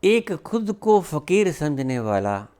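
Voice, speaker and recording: A man giving a spiritual discourse, asking rhetorical questions and scolding in an emphatic, deliberate way. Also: a little high, sing-song, darkish tone, smooth. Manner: slow with long pauses. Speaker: spiritual teacher.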